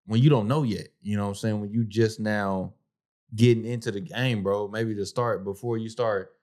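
A man's voice: on the low side, steady tone, normal speed, darkish tone. A man co-hosting a podcast in casual, colloquial chat, addressing his friend like a buddy. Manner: colloquial, peppers speech with "bro" and "man". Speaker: podcast co-host.

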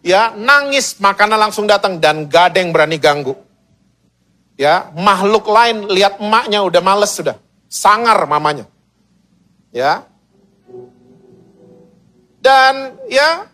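High-voiced joking male pastor. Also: pushed and bright. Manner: humorous storytelling with casual slang. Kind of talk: sermon.

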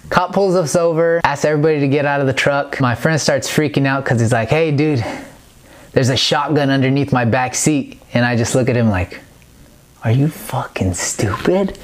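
A young man hosting a podcast, telling a story in a loose, profane way with lots of laughs. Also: medium pitch. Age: young adult. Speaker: podcast host. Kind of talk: casual storytelling.

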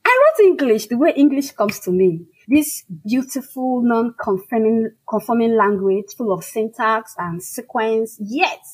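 A Nigerian woman, a native Igbo speaker with a Nigerian accent, answers interview questions as a fiction writer in an emphatic, conversational, reflective way. Her voice is fairly high and expressive, a little slow and slightly rough, with hardly any pauses, on a low-quality recording.

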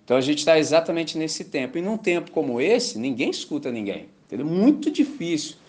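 A man's voice: fairly high pitch, a little fast. A man with a Brazilian Portuguese accent preaching a sermon at a church service, conversational and slangy, often asking his listeners if they follow. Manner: conversational, keeps asking "entendeu?"; slangy and animated. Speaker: pastor.

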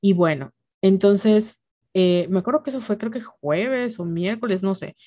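A woman's voice: mid-range voice, normal speed, dry recording. Mexican girl on a podcast telling a long story, lots of slang, acts out what people said, dry mic. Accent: Mexican Spanish. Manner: animated retelling with slang and quoted dialogue. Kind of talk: casual storytelling chat.

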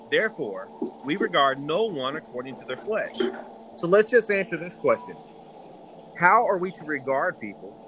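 A man's voice: medium pitch, background noise. A man with a Southern US accent preaching a sermon, stressing key words and repeating phrases for emphasis. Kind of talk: sermon teaching.

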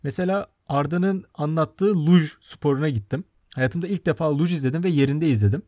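A man's voice: fairly high pitch, fairly quick, warm tone, no room sound, clean studio sound. A man in his twenties from Turkey hosting a casual podcast chat, choosing his words with care. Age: 20s. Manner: careful word choice. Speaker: podcast host.

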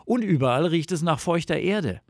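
A man's voice: a little high, expressive, normal speed, a little mellow, no echo, clean studio sound, voice pushed up, lightly acted. A man voicing a fretful, complaining male fox in a storybook reading, in a raised, plaintive voice. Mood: dreamy.

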